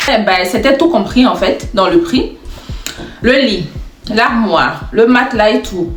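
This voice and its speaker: Lively woman telling a funny story. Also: on the high side. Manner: animated, chatty, acts out dialogue. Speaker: storyteller, content creator. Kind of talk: comic storytime monologue. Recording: echoey room.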